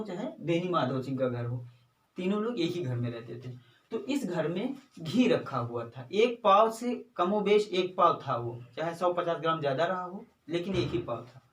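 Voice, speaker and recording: A man teaching exam students, his voice sitting a bit high for a man. He talks through the material slowly and in a repetitive way, going back to fix his own slips. He is heard from a distance in a roomy, echoing space. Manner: repetitive, self-correcting explanation. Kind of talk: retelling a story summary for exam preparation.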